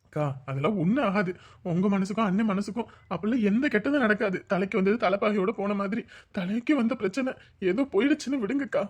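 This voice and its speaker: A man plays a young family friend in a TV drama who calms a weeping woman. His voice sits somewhat high. He is soft and reassuring. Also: fast, husky. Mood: consoling. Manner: soothing, reassuring. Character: young man gently consoling a grieving woman. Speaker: family friend consoling the mother. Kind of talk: Tamil TV drama acting.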